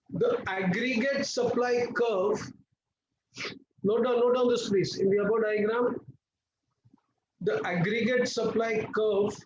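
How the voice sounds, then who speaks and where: A man with an Indian accent teaching a class, dictating instructively, repeating phrases and prompting students with questions. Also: high voice. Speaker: economics teacher. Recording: echoey room, muffled, faint noise.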